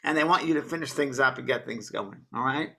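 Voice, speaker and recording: A man's voice: medium pitch, a little fast, creaky, pushed and bright. A man working as a psychic medium, giving earnest, coaxing readings to audience members and calling them honey and baby.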